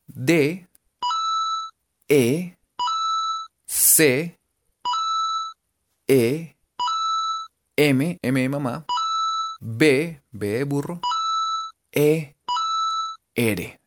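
Colombian teacher, really lively up and down voice, jokey, spells stuff out letter by letter. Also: mid-range voice. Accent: Colombian Spanish. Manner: animated, drawn-out sounding-out of words. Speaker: language teacher. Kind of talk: online language lesson.

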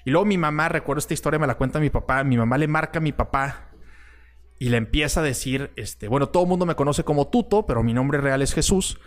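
A man's voice: mid-range voice, fast talker. A young man from Monterrey with a northern Mexican accent telling a personal story in a casual, slangy way, swearing often and tagging lines with filler questions.

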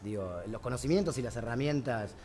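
A man's voice: medium pitch, brisk, a little mellow, faint music behind. A man with an Argentine accent, a musician guest chatting casually and laughing often at himself. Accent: Argentine Spanish. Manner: self-deprecating, laughs often. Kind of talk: casual chat.

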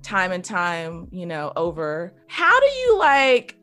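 A woman's voice: fairly low pitch, wildly swooping pitch, slow pace, fairly bright tone, faint music behind. A woman interviewing a teacher, talking casually and searching for her words with plenty of fillers.

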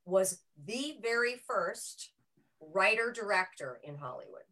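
A woman with a bright, forward voice talks casually about an old film to a small group. She explains background at length, often correcting herself mid-sentence. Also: mid-range voice, expressive, a little slow, low-quality recording. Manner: chatty, explanatory, self-correcting. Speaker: panel member presenting a film pick. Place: small room with a group around one mic.

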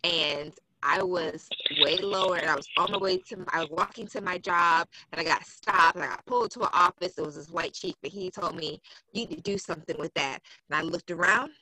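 Bright-voiced woman telling a lively story. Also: fairly low pitch, fairly quick, few pauses, dry recording. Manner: expressive storyteller, acts out voices. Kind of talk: casual conversation, storytelling.

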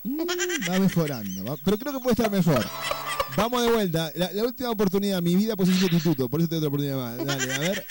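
A man's voice: high voice, animated, fast talker, background noise. A man with an Argentine accent hosting a comedic radio call-in, teasing the caller in a crude, mock-flirty way. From Córdoba, Argentina. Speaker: radio host.

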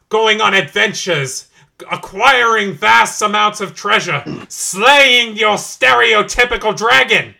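A man voicing a haughty dark lord from another realm who plans a takeover and scorns mortals. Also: fairly high pitch, vocal fry, full character voice. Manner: pompous, theatrical, scornful.

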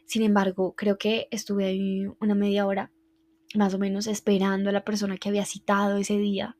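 A woman, hosting a podcast and telling a personal story in a reflective, heartfelt, halting way. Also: mid-range voice, completely flat delivery, a little mellow. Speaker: podcast host.

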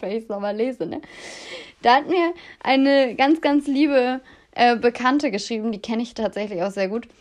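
A young woman in her twenties casually telling dating stories to her viewers, animated and dramatic, often laughing. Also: a little high. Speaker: vlogger.

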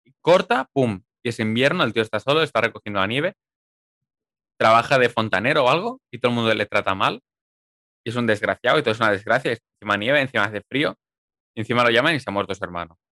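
A man from chatting casually about a film, lively and emphatic, with casual swearing. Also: mid-range voice, quick pace, no echo, clean studio sound.

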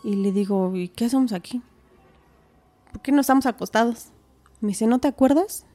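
A woman's voice: fairly high pitch, moderate pace, soft background music. A woman, a podcast guest telling a personal story in casual talk, acting out what others said. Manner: animated, acts out quoted dialogue.

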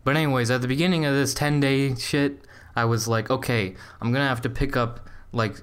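A young man hosting a laid-back podcast, voice at an ordinary middle pitch. He rambles through stories, stopping and restarting as he laughs along. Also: fairly even intonation, clear, resonant tone. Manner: rambling, laughing, halting with fillers. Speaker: podcast host. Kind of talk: casual chat.

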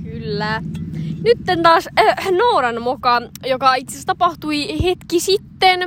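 A young woman co-hosting a casual chat, telling animated anecdotes with frequent laughter and fillers. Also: high-pitched, slight background noise. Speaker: co-host.

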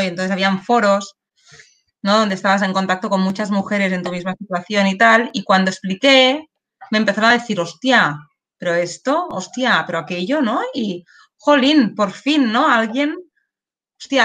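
Speaking as an interview guest, a woman shares personal testimony with candor and emotion, full of restarts and tag questions. Her voice is medium-pitched and a bit bright.

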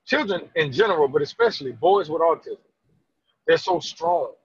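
Earnest dad guy talking, husky voice, high and swingy, keeps stammering, dry kinda dull audio. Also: sing-song, moderate pace. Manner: earnest, emphatic, lots of restarts and stammered repeats. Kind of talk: candid conversational interview.

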